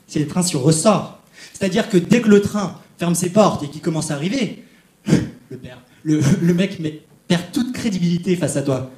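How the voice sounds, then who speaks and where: On a theatre stage, a young man delivers a stand-up set in a high-pitched, animated voice with a darkish tone, talking at a moderate pace. He chats straight to the crowd, and the theatre makes the recording echoey.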